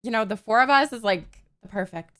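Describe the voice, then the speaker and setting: A woman's voice: a little high, expressive, brisk, pushed and bright. A young woman hosting a casual podcast chat, giggly and gushing, with lots of "like". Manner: giggly and gushing, says "like" often. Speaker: podcast host.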